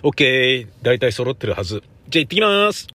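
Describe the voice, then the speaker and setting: A man's voice: mid-range voice, very animated, fast, over music. A man hosting a casual solo podcast, rambling and joking at himself as he talks to himself in a parking lot on a handheld recorder. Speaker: podcast host.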